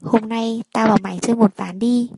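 A woman's voice: on the high side, steady tone, moderate pace, gravelly, a little mellow, a little hiss or hum. A woman reading the part of a jealous, hot-tempered young man who threatens his brother. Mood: angry. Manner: blunt, threatening.

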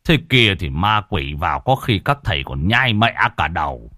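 A man voicing impressed old village men, speaking low and approving. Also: sing-song, normal speed, bright, forceful tone, no room sound, clean studio sound, heavily acted.

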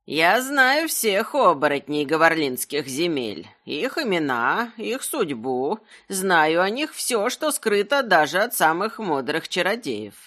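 A narrator voicing a cantankerous ancient talking spear with a shrill old woman's voice, grumpy and indignant. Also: big pitch swings, slow pace, hardly any pauses, bright, forceful tone, heavily acted. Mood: pleading. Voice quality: shrill, screeching. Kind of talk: audiobook character voice.

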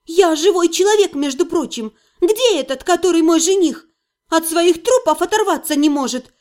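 A woman voicing a sharp-tongued young witch heroine in an audiobook, quick-tempered and indignant. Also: very high voice, expressive, voice pushed up. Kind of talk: audiobook reading.

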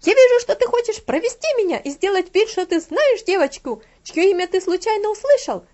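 A woman voicing a furious middle-aged housekeeper who shouts and scolds a boy in a storybook reading. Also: very high-pitched, very animated, brisk, highs cut off, voice pushed up. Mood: angry shouting.

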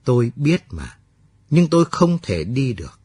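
A calm, stubborn elderly village mother, read by a man in a late-night radio story. She speaks steadily and plainly, her husky voice rising and falling in a lively way. The sound is dry and close. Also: medium pitch, unhurried, no echo. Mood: calm, resolute.

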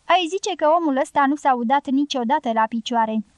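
A woman voicing a blunt, bossy middle-aged peasant woman with a sharp, scolding tongue in an audiobook. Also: high-pitched, dry recording, natural voice.

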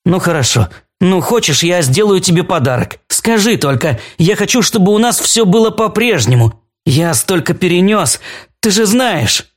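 A man's voice: high voice, animated, normal speed, voice pushed up. A man reading a storybook, voicing a flustered, guilty man who pleads with his girlfriend. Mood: pleading. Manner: hesitant, pleading. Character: flustered, guilt-ridden man, a lover under pressure. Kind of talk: audiobook character voice.

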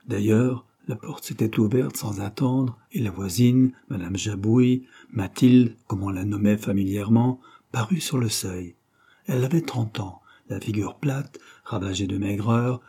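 A man narrating a classic novel as an audiobook reader, in a measured, literary way. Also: on the low side, warm tone, slightly rough.

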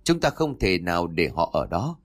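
A man's voice: low voice, very animated, moderate pace. A man doing a stern old village chief. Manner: commanding, scolding.

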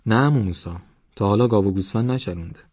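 A man's voice: lowish voice, darkish tone, breathy edge, no room sound, muffled recording. A male narrator voicing a bold young village girl who brags and talks like a know-it-all. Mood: boastful. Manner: cocky, chatty, know-it-all.

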